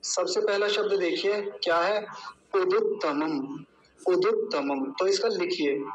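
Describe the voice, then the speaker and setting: A man teaching mantra pronunciation, drawing out each syllable in a slow recitation. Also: sits high, fairly even intonation, muffled recording.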